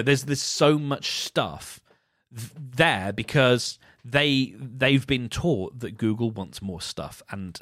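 A man talks through his thoughts in a wry, teasing way, stumbling and repeating words as he goes. His voice sits at an ordinary middle pitch. The sound is close and dry, with no room around it. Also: fairly bright tone, no room sound. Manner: wry, mocking, lots of restarts and repeats. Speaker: podcast host. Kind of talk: casual solo commentary.

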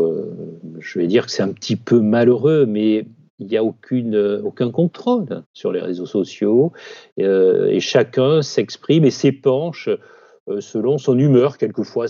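A man's voice: lowish voice, animated, unhurried, gravelly, warm tone, slightly rough, dry recording. Man with a dull lo-fi remote voice. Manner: firm, persuasive advocacy. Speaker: doctors' union leader. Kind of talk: interview answers.

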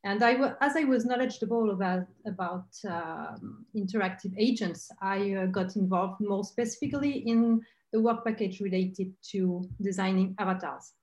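A woman's voice: mid-range voice, moderate pace, a little mellow, reverberant, poor audio. A woman with a French accent, a researcher answering interview questions over a call, hesitant with many fillers. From France. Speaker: guest researcher.

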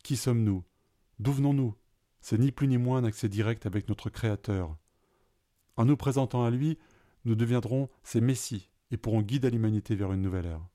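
Man doing an excitable old-school professor. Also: medium pitch, moderate pace, natural voice. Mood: solemn. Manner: hesitant, then exalted and solemn. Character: eccentric male professor, excitable and grandiose.

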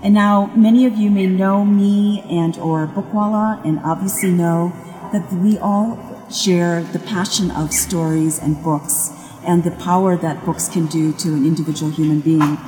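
A woman's voice: fairly low pitch, fairly even intonation, unhurried, warm tone. A woman hosting an informal interview in a bookstore cafe, asking long friendly questions. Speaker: interviewer, nonprofit founder. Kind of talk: casual interview. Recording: echoey room with faint music.

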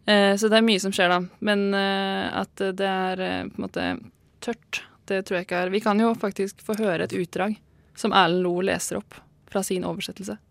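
A woman hosting a radio chat, talking quickly and chattily with many hesitations. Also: medium pitch, flat delivery, creaky, no room sound. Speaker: radio host.

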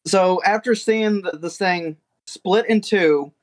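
Brief: tabletop player, mid-pitched voice, descriptive and eager. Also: slow. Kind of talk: tabletop game play.

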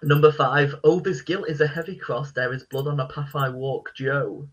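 A man hosting a casual quiz, reading out lines in a flat, deadpan voice. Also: fairly high pitch, normal speed, breathy edge, rough recording. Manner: reads lyrics in a deadpan voice. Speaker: quiz host.

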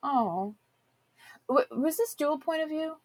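A woman's voice: high-pitched, animated, takes it slowly, rough recording. A woman hosting a casual interview with a chatty, curious, self-deprecating manner, who also reads a passage aloud. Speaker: podcast host.

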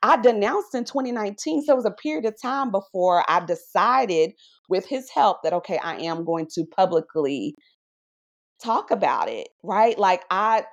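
A woman sharing her faith testimony in a podcast conversation, animated and preacherly, often checking in with "right?". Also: medium pitch, normal speed. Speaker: podcast guest.

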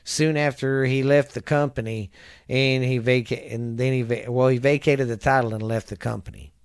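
A man with a smooth, resonant voice talks through a casual recap from his notes on a close home mic. The sound is dry with no room echo. He trips over names, fixes them and laughs at himself. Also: mid-range voice, fairly even intonation. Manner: halting, stumbles over names and corrects himself; chuckles at his own slips. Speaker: podcast host. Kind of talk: casual wrestling history recap read from notes.

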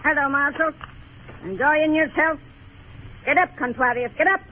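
In a thin, crackly old radio recording, an actress voices a hard, imperious frontier woman in a 1950s radio Western, snapping out curt orders. Her high-pitched voice sounds fairly everyday, moves at a normal speed, and has a phone-like quality. The mood is grim and commanding.

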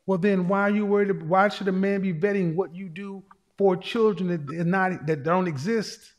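Hosting a live call-in show, a man with a high, big voice talks at a moderate pace. He's blunt, interrupts, and keeps repeating his own phrases.

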